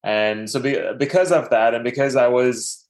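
A man's voice: mid-range voice, moderate pace. A man in his thirties from Dubai, a podcast guest telling his life story casually, with many fillers and restarts.

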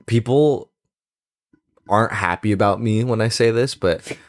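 A young man co-hosting a podcast tells stories in a casual chat, using slangy, profane and exaggerated language. His voice is on the low side and unhurried, recorded dry with clean studio sound.

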